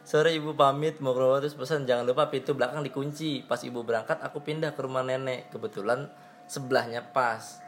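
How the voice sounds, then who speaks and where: A man's voice: fairly even intonation, fairly quick, soft background music. A man co-hosting a casual podcast, reading listener emails aloud, swearing freely and laughing often. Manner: crude slang, bursts into high laughter. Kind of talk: casual chat.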